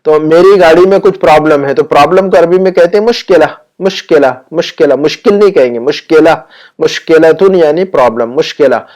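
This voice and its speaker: Male language teacher, fairly high voice, patient explainer, slow repeated drills. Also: darkish tone. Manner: slow, drawn-out repetition of example phrases; explanatory, with frequent fillers. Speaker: Arabic teacher. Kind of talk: spoken Arabic lesson.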